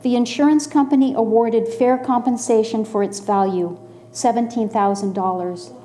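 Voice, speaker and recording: A woman in her sixties from the Los Angeles area, telling a personal story in a measured, dryly humorous way. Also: on the high side, steady tone, warm tone, slight background noise. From Los Angeles area, USA.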